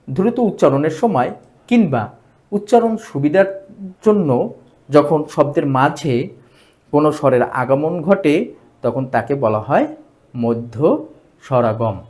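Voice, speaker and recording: A man with a Bangladeshi Bengali accent teaching a grammar lesson for exam preparation, repeating each term slowly for emphasis. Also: a little high, darkish tone.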